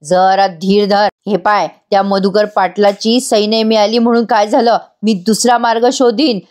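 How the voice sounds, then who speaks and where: Woman doing a gruff criminal father. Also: medium pitch, flat delivery, lightly acted. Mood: urgent hushing. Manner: slow, hushed, urgent scolding.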